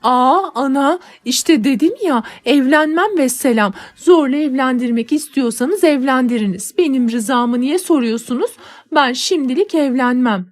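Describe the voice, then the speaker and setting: A woman voicing a distraught young girl who refuses an arranged marriage, speaking high, loud and pleading. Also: expressive, moderate pace, hardly any pauses. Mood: defiant.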